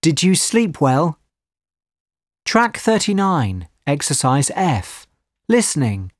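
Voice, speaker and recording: A narrator reading textbook listening instructions in a slow, measured way. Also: medium pitch, sing-song, no room sound, studio quality. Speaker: course audio narrator.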